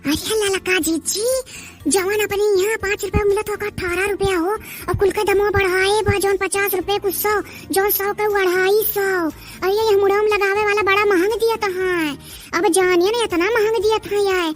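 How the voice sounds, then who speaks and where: A woman's voice: very high-pitched, steady tone, moderate pace, faint music behind. A woman voicing a quarrelsome village woman in a cartoon, haggling and complaining about prices in a rustic Awadhi accent. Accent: Awadhi, eastern Uttar Pradesh. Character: bargaining village woman, adult, loud and quarrelsome. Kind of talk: cartoon dub voice acting.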